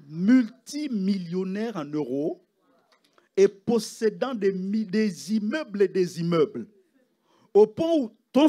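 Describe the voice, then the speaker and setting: Male pastor, high voice, very lively pitch, sermon delivery with loud calls and soft drops. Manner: preaching with rising shouts and sudden hushed drops. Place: church.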